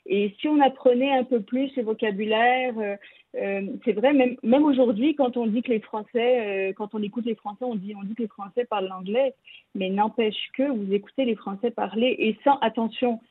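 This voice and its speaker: A woman's voice: a little high, moderate pace, breathy edge, no echo. A woman with a French accent calling in to a radio show, telling a story with many fillers and restarts. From France. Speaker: caller. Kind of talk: radio call-in chat. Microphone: phone. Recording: tinny phone line.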